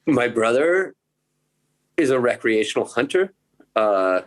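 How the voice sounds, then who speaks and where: On a roughly recorded podcast, a man from the United States in his thirties talks slowly in a sing-song, medium-pitched voice. The conversation is casual, and he rambles, swears, and leans on plenty of fillers.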